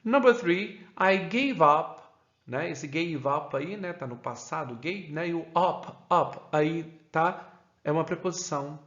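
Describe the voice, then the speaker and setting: A man with a Brazilian Portuguese accent teaches an English grammar lesson, keeps adding "né?" and says the English examples slowly. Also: a little high, animated, fairly bright tone. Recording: roomy, dull lo-fi sound.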